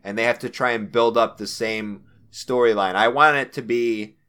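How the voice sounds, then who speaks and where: A man's voice: medium pitch, fairly even intonation, moderate pace, bright, forceful tone, clean tone. A young man co-hosting a casual podcast, rambling enthusiastically about movies. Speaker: podcast co-host. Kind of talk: casual chat.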